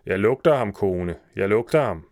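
A man voicing a huge, suspicious male giant in a storybook reading, shouting his demands. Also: on the low side, animated, no echo, studio quality. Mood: bellowing.

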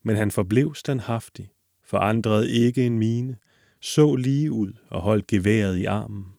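Low-voiced man reading a fairy tale. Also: vocal fry, dry recording, studio quality. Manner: calm, measured storytelling. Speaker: narrator.

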